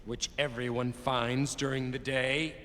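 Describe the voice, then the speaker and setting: A man's voice: mid-range voice, flat delivery, a little slow, a bit bright, natural voice. An actor playing an intense male salesman delivering a grandiose, rousing speech, heard in a clip from a TV comedy. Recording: echoey hall with background noise.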